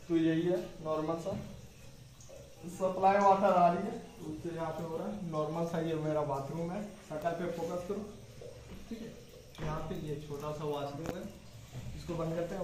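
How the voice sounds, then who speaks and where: A young man with a slightly high voice and darkish tone gives a chatty home tour vlog, strolling through a small concrete house's bare rooms and rooftop while addressing his sister behind the camera. Her camera is a few steps away, so the recording sounds distant and echoey, with a bit of hiss or hum.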